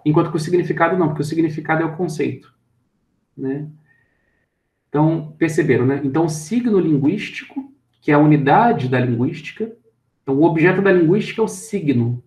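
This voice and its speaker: A man's voice: on the high side, lively intonation, fairly quick, darkish tone, echoey room. A man with a Brazilian Portuguese accent giving an explanatory lecture. He thinks aloud and keeps checking that his listeners follow. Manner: thinks aloud, checks understanding with frequent tag questions.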